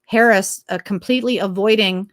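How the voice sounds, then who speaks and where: A woman's voice: medium pitch, normal speed, no room sound, clean studio sound. A woman from Minnesota hosting a solo political commentary show, talking casually and sarcastically, rambling, and dropping into whispered asides.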